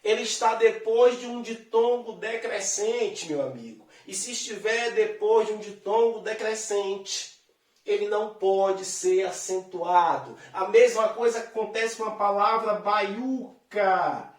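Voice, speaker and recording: A man's voice: high-pitched, unhurried. A man teaches a grammar lesson in a friendly, chatty way, pulling the listener along as he goes. He draws out the key words as he explains them. His voice is picked up from some distance and rings in a roomy, echoing space. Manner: lively and chatty, addresses the viewer directly, draws out example words. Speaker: Portuguese teacher. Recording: echoey room, distant mic.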